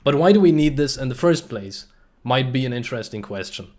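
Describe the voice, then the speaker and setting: A man's voice: mid-range voice, lively intonation, fairly quick, darkish tone. A man from Germany hosting a live-streamed technical presentation, explaining in a casual way with frequent "uh" fillers and remarks to the chat. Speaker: host and presenter.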